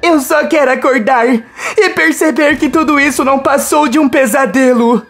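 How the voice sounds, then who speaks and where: A woman's voice: high voice, normal speed, voice pushed up. A woman voicing a tearful young pregnant woman, pleading in a raised voice. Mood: anguished.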